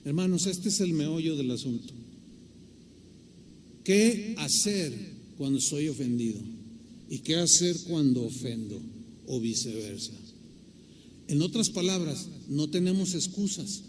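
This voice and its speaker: A middle-aged man preaching a sermon as pastor, pressing hard on key words and then dropping to a quiet, low tone. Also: animated, measured pace, pauses often, a little hiss or hum. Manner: emphatic preaching, swinging between loud stresses and quiet asides.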